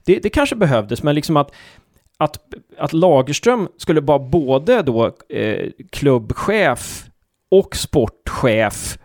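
A man's voice: fairly high pitch, sing-song, a little mellow, no echo, clean studio sound. A man, co-hosting a casual football podcast, chatty and repeating words as he searches. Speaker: podcast co-host.

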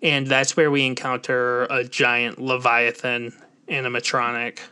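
A young man chatting casually on a podcast, rambling loosely and filling pauses with "like". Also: medium pitch, smooth. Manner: relaxed, rambling with many "like" fillers. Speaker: podcast host.

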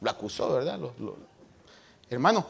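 A man's voice: mid-range voice, big pitch swings, normal speed, vocal fry, slightly rough. A man preaching a humorous, folksy sermon, retelling a scripture story with frequent tag questions and a few English words mixed into his Spanish.

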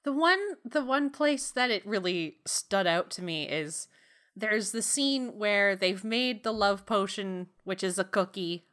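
A woman co-hosting a podcast in casual chat, expressive and quick to laugh. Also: medium pitch. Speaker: podcast co-host.

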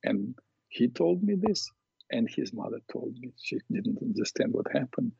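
A man teaching guided visualization exercises, speaking deliberately with pauses between short phrases. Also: medium pitch, sing-song, vocal fry, warm tone, husky, no echo. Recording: dull, muffled lo-fi sound.

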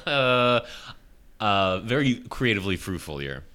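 Laughing, lively-voiced man from Ukraine. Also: fairly low pitch, slow, slight background noise. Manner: laughing, self-mocking, swears freely. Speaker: podcast guest. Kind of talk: casual comedic chat. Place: New York City.

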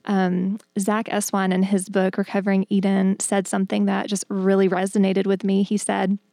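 A woman's voice: mid-range voice, completely flat delivery, moderate pace, warm tone, no room sound, studio quality. A woman speaking thoughtfully and earnestly in a Bible study discussion, with frequent ums. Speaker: discussion group member.

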